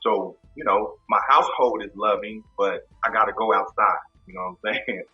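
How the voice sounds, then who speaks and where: A man in his fifties from Kansas City, Missouri, speaking as a guest in a casual interview in a relaxed, reflective way, often repeating words as he thinks. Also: lowish voice, normal speed, dull audio, soft background music. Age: 50s. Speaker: podcast host as guest.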